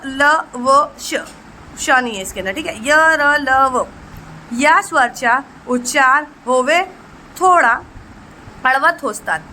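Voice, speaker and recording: In this exam-prep lesson, a woman teacher speaks in a high-pitched, bright, pushed voice, asking herself rhetorical questions and supplying the answers, with Marathi terms woven into her explanations. She addresses the students affectionately as children, over a low-quality recording with slight hiss or hum.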